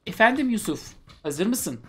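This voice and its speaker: A man's voice: high-pitched, very animated, normal speed, a little hiss or hum, voice pushed up. A man voicing a prickly young woman from a story, in a mock-girly reading voice. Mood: sassy.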